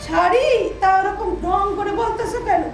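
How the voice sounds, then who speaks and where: A woman's voice: extremely high pitch, moderate pace, faint music behind. A deaf, cranky mother-in-law. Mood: confused. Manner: querulous, confused, sharp-tongued. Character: hard-of-hearing mother-in-law, mishearing everything. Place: large auditorium stage. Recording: echoey hall from far off.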